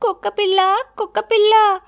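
A woman's voice: very high-pitched, level tone, voice pushed up. Woman voicing a tearful little kitten. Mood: tearful pleading. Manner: tearful, pleading, drawn-out. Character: crying hungry little orphan kitten.

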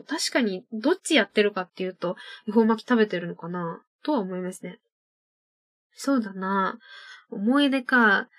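Chatty woman hosting a solo radio talk. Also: fairly high pitch. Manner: chatty, laughs at her own tongue-twister slips. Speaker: internet radio host.

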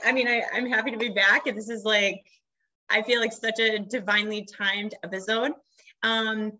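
A woman's voice: mid-range voice, pushed and bright, muffled recording. A woman speaking as a podcast guest in casual, informal chat, often saying "like". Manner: informal, peppered with "like".

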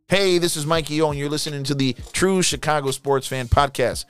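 A man's voice: on the high side, fairly quick, clear, resonant tone, faint music behind. A man delivering a short, punchy podcast promo. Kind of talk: radio-style promo.

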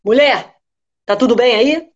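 A woman's voice: on the high side, measured pace, highs cut off, pitched above the performer's own voice, close to an everyday voice. A woman voicing Bluebeard, a menacing murderous husband who barks threats at his wife. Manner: loud, threatening commands.

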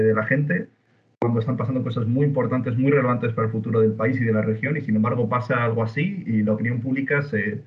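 Man, casual podcast guest on a remote line, mid pitch, halting delivery, thin phone-like sound. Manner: halting, many fillers and restarts. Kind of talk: casual opinion chat. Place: remote call from Buenos Aires.

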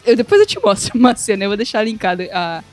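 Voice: mid-range voice, big pitch swings, quick pace, soft background music. A co-host from Brazil in a casual film chat, enthusiastic and full of exclamations. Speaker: podcast co-host. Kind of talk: casual chat about films.

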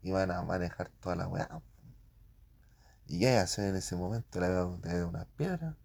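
Chilean guy rambling about printing, low gravelly husky voice, lots of slang. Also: lively intonation, fairly quick, a little mellow. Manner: slangy, rambling, makes printer sound effects. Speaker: print shop worker. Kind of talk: casual rambling monologue.

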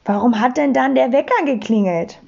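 A woman's voice: high-pitched, creaky, a little mellow, dull audio. Woman voicing a cheeky childlike creature. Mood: pert. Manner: quick, pert questions, eager and childish. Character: cheeky bristly childlike creature, greedy and playful.

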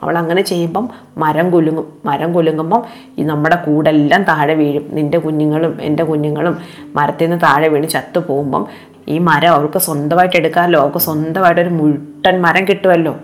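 A woman's voice: sits low, steady tone, fairly quick, lightly acted. A woman voicing a scheming, gossiping mother cat in a told children's story, speaking in a sly, persuasive way.

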